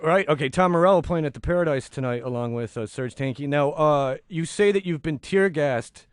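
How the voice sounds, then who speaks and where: A man's voice: a little high, a little fast, no room sound. A man hosting a radio interview, with short prompts and quips, in a studio. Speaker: radio host.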